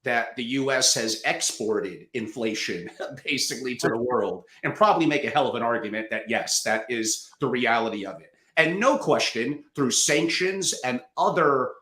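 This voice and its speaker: A man's voice: mid-range voice, animated, normal speed, bright, forceful tone. A male host asking questions and commenting with wry, opinionated remarks. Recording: echoey room.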